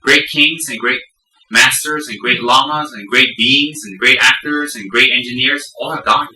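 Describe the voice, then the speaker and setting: A man's voice: mid-range voice, sharp tone. A man teaching as a Buddhist teacher in a live dharma talk, stressing points by repeating words over and over. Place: room with a live audience. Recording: echoey room, voice from a distance.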